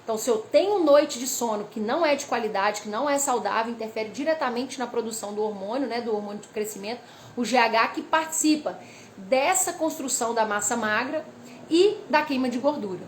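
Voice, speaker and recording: High-voiced woman explaining hormones. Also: a little fast. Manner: lively, reads notes, frequent "né?" and "tá?" asides. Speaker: weight-loss educator. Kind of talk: casual explanatory talk to camera. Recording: faint background noise.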